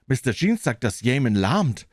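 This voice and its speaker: A man playing an anxious, earnest gentleman. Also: mid-range voice, very animated, moderate pace, no room sound, clean studio sound. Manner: anxious questioning.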